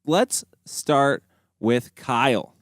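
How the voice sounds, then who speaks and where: A man's voice: medium pitch, expressive, drawn-out words, no room sound, clean studio sound. A man hosting a film podcast, upbeat as he steers the talk and leads the ratings. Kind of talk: casual film review chat.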